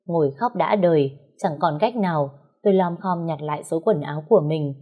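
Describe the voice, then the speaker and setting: A woman telling a first-person story in a steady, measured narration. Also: sits low, slightly rough, phone-quality sound.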